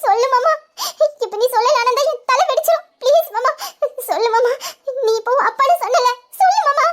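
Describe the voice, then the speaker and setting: A woman acting out young woman, tender, tearful, coaxing, very high voice, audio drama. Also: a little fast. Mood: pleading.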